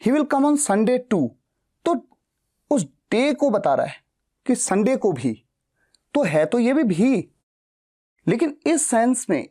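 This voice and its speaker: A man with a soft, mellow voice teaches spoken English, walking students through grammar with patient repetition. He poses questions and answers them himself, slowing right down over each example sentence. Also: high-pitched. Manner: patient, repeats examples, asks and answers his own questions; reads English example sentences slowly and deliberately. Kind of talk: explanatory grammar lesson.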